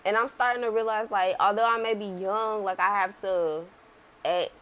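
Brief: young woman, early twenties, solo podcast host, loose rambling slangy chat, mid pitch. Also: fairly even intonation, moderate pace, a bit bright. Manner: rambling, candid, slangy and conversational. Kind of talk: casual solo podcast talk.

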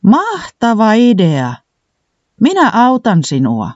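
A man voicing an eager, excitable storybook builder creature who talks in bubbly exclamations. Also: sits high, dry recording, lo-fi sound, voice pushed up, full character voice. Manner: bubbly, exclaiming, bursting with ideas.

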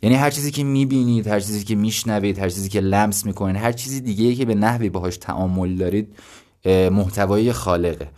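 A man's voice: fairly low pitch, fairly even intonation, darkish tone. A man in his twenties from Iran hosting his own podcast, explaining ideas in a conversational, thinking-aloud way with self-deprecating asides. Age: 20s. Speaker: podcast host. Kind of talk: casual solo podcast talk.

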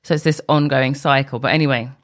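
An adult woman hosts her own podcast alone, speaking with an extremely low pitch, fairly even intonation and a quick pace. Her solo monologue is candid and conversational, sometimes drifting off track.

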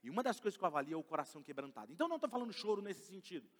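A man's voice: high-pitched, sing-song, racing, fairly bright tone. A middle-aged man with a Brazilian Portuguese accent, preaching a sermon and speaking directly to the congregation with emphasis. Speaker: pastor. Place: church hall. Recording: long hall reverb.

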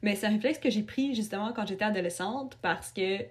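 A young adult woman, a writer with a Québécois French accent and a mid-range voice, chats casually as a podcast guest. She uses frequent fillers and laughs quickly.

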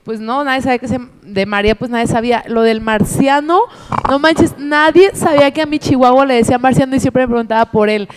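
High-voiced woman, talk-show guest, effusive and slang-heavy. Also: a little fast, slight background noise, poor audio. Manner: effusive, slangy, many fillers. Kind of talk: emotional talk-show chat.

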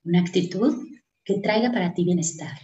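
A woman host guiding listeners in short, unhurried phrases with long pauses, as in a meditation. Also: fairly low pitch, expressive, warm tone, lo-fi sound. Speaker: host leading a guided breathing meditation. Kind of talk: guided meditation, slow and soothing instruction. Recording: roomy, echoing sound.

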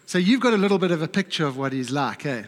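A man preaching a sermon, telling a personal story in a reflective way and often dropping his voice low and soft. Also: lively intonation, quick pace, big-room sound. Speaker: pastor. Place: church.

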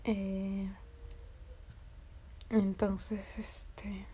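A woman's voice: mid-range voice, drawn-out words, slightly rough. A young woman with a Peruvian accent telling a personal story casually, laughing and acting out the voices of others. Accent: Peruvian Spanish. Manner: animated, laughing, swearing, acting out quoted voices. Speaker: vlogger.

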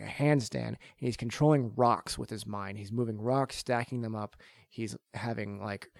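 A man's voice: mid-range voice, darkish tone, dry recording, clean studio sound. A man hosting a casual podcast, talking enthusiastically in long runs full of fillers. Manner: rambling, enthusiastic, many fillers. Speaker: podcast host. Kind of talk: casual chat.

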